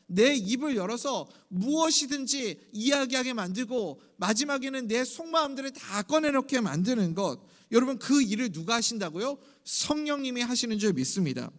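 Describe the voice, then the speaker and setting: A man with a high voice leads an early-morning sermon. He talks to his congregation as if chatting, asking them questions and playing out little exchanges of dialogue. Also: fairly bright tone. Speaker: pastor.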